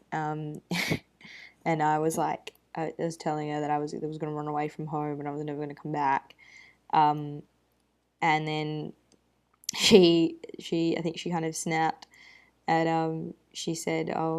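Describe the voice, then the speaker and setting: A young woman speaks into a computer webcam in a low voice. Her pitch barely moves. She tells her story haltingly, with many fillers, false starts and small nervous laughs. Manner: soft nervous laughs between phrases. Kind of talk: personal storytelling to camera.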